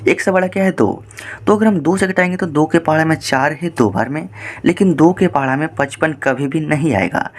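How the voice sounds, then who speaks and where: A man teaching fractions step by step, patient and repetitive, asking rhetorical questions as he works through each problem. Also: a little high. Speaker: math teacher. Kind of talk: explaining math step by step.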